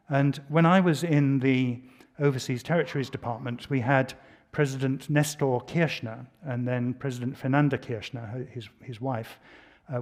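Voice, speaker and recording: A man's voice: mid-range voice, a little mellow. British man telling lecture anecdotes. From Britain. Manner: conversational storytelling, dry humor. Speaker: lecturer, former ambassador. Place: lecture hall.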